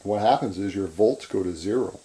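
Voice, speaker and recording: Mellow-voiced man giving an informal lesson. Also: lowish voice. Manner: halting, repetitive, checks in with "right?". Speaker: instructor. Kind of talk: informal chalkboard lecture. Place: indoors at a chalkboard.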